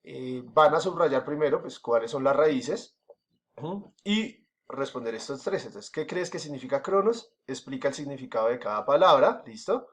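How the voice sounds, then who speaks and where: A man's voice: medium pitch, animated, normal speed. A man with a Colombian accent teaching a recorded school lesson, explaining step by step with many fillers and frequent checks that the class is following. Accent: Colombian Spanish.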